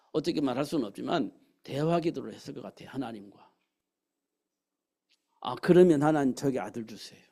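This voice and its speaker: Speaking in a mid-range, creaky, slightly mellow voice, a pastor preaches in a church sanctuary. Rhetorical questions to the congregation come often, along with acted-out quotes of what God says.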